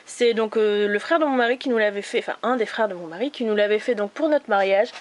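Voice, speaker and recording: A woman's voice: mid-range voice, quick pace, a little hiss or hum. A young woman from France casually showing her room, chatty and self-mocking with lots of fillers. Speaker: vlogger giving a room tour. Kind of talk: casual room tour narration. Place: bedroom at home, indoors.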